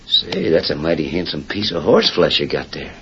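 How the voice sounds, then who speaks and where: A menacing outlaw boss in a vintage radio play. He speaks in a threatening drawl, his pitch jumping up and down. The sound is dull and lo-fi, with a faint hiss behind it. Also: very animated, normal speed. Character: snarling outlaw gang leader, middle-aged man. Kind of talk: 1940s radio acting.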